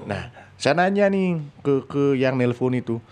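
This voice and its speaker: A man telling a story in casual chat, animated, jumping up in pitch to act out what others said. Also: a little slow. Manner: animated, acts out quoted voices with sudden high pitch. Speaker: podcast guest storyteller.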